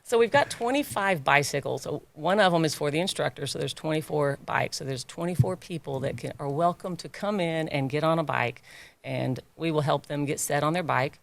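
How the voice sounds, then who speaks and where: An American woman who owns a gym and trains people chats in a podcast interview, her deep, creaky voice moving a little fast. She laughs often and grows emotional when talking about her members.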